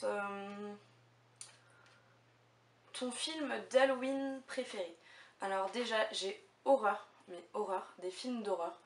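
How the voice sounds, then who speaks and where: A young woman vlogging casually to camera, chatty and hesitant, with lots of fillers. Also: medium pitch. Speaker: beauty vlogger. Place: room at home. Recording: echoey room, mic far off, faint hiss.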